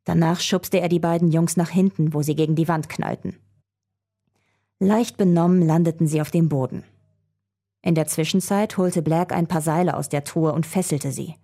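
A woman reading a children's adventure story aloud, telling it in a calm, even way. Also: low voice, normal speed.

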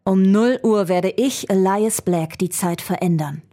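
A woman's voice: mid-range voice, a little slow, warm tone, close to an everyday voice. A woman voicing a scheming male researcher villain who craves world power, speaking in a gloating, theatrical way.

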